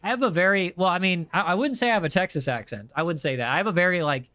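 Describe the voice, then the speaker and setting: Quick-paced with a high, pushed, bright voice, this young American streamer speaks in a general American accent. He keeps things casual and upbeat while gaming live and reading the chat out loud.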